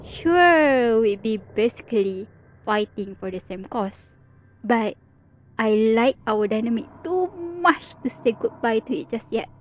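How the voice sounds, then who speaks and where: A woman with a higher voice and muffled, cut-off highs does an ASMR roleplay as a female villain teasing her rival hero. She sounds playful and confiding as she teases.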